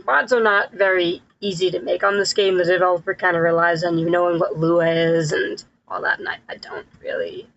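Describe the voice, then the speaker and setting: A streamer talking through a live gameplay session with a voice digitally pitched up like a chipmunk, rambling and correcting themselves with frequent laughs. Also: fairly even intonation, fairly quick, creaky, hardly any pauses, fairly bright tone, lo-fi sound, a little hiss or hum. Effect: pitched-up chipmunk-like voice filter.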